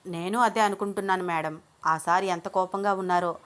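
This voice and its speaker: A woman's voice: lowish voice, steady tone, brisk, close to an everyday voice. A woman voicing Ranga, a nervous, deferential hired man. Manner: fearful, deferential.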